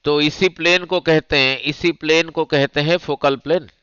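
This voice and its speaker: A male physics teacher, lecturing slowly and repeating himself, often asking "right?" to check understanding. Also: a little high, steady tone, fairly bright tone, smooth, no echo, highs cut off. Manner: slow, repetitive, checks understanding with rhetorical "nahin?". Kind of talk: classroom lecture at a board.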